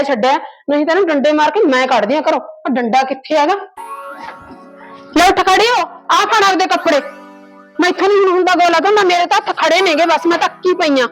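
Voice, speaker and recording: A woman playing a scheming, sharp-tongued young daughter-in-law who nags and scolds bitterly in a village drama. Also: sits high, dry recording, lightly acted, low-quality recording. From Punjab, India.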